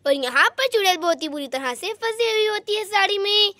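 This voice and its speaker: A woman's voice: very high-pitched, a little fast, bright, forceful tone. A woman narrating a doll story in a plain storytelling manner.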